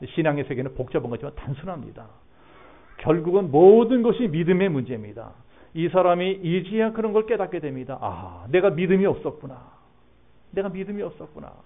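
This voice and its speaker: Animated middle-aged male pastor preaching. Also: on the high side. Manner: animated preaching, shouting out quoted cries. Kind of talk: sermon. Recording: tinny phone-like sound.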